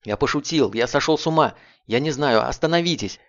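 A man with a gravelly voice voicing a vicious, frantic male captive in an audiobook, jeering and breathless, in a dull lo-fi recording. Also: fairly low pitch, fairly quick. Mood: terrified. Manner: jeering, breathless, rising to shrieks.

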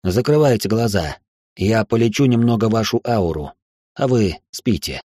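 Woman voicing a teasing male lord, deep lowered voice, dark tone, dry close sound, audiobook character. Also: expressive, moderate pace, husky, no room sound, full character voice. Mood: gentle. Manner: low, good-humored teasing. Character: teasing noble lord, man, playful.

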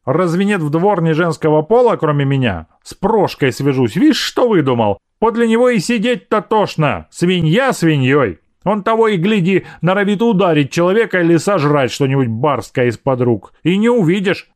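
A man reading an audiobook, voicing an angry middle-aged female housekeeper who scolds loudly. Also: very animated, normal speed, few pauses. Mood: scolding. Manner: sharp scolding, loud and high.

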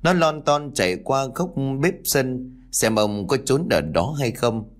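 A man narrating a ghost story in a lively storytelling manner. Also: mid-range voice, unhurried.

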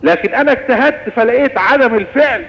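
A man with an Egyptian Arabic accent giving a lively religious lesson on Islamic jurisprudence, explaining and answering questions. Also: very high-pitched, quick pace, big-room sound, muffled recording.

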